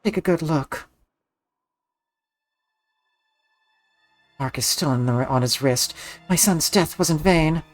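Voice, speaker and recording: A woman's voice: low-pitched, normal speed, faint music behind, natural voice. A woman playing a grief-stricken, accusing queen mother in a video game, anguished and exclamatory. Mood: despairing. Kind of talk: melodramatic video game dialogue reading.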